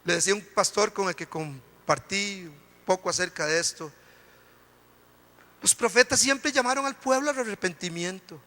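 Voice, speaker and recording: Very high, bright-voiced preaching pastor. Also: male voice, normal speed. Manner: impassioned preaching, repeated "hermano" address. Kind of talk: sermon. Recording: long hall reverb.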